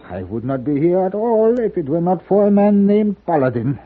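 Old shopkeeper, frail, wry, halting broken speech, tinny old radio. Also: male voice, high voice, sing-song. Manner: halting, broken phrasing with many pauses. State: weak and shaken. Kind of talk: 1950s radio drama acting.

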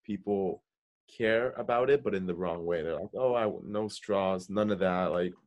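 This young adult podcast host, an American man, chats casually in an interview format while working through his questions and ideas. He speaks at a normal speed in a low, slightly mellow voice.

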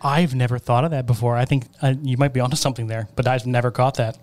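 A man's voice: medium pitch, fairly even intonation, fast talker, darkish tone. A man on a discussion panel, casually explaining his thoughts on a movie. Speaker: podcast panelist.

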